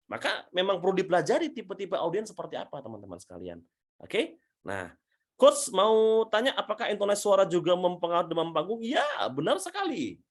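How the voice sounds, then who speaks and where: A man coaching public speaking, answering audience questions in an energetic, emphatic way, often restarting sentences and building points step by step. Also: high voice, fairly quick. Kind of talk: Q&A teaching session.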